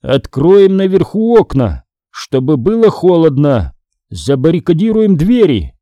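A man's voice: a little high, very animated, a little slow, warm tone, no echo, pitched above the performer's own voice. A man playing a weary, stubborn father who gives curt, stern commands. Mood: decisive.

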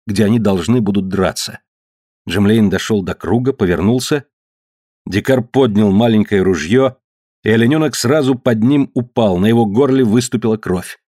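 A man narrating a story in a measured audiobook reading. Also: fairly low pitch, darkish tone, no echo, studio quality. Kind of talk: scripted narration.

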